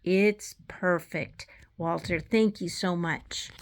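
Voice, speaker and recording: A woman voicing a small, gentle female tooth fairy in a storybook reading. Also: lowish voice, fairly even intonation, takes it slowly, a little hiss or hum. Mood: plaintive.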